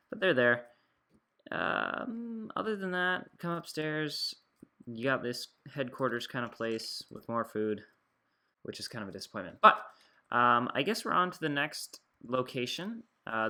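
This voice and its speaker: Young male gaming host: bright tone, chatty and rambling, lots of ums. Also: medium pitch, expressive, normal speed. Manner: rambling, filler-heavy, chatty. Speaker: gaming YouTuber. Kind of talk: casual gameplay commentary.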